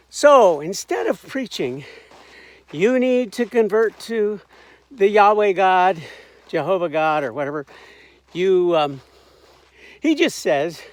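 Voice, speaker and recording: Man, high voice, very animated intonation, casual irreverent retelling, dry close sound. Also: dry recording. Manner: irreverent and wry, with frequent restarts and asides. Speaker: informal Bible commentator. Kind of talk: casual retelling of a Bible story.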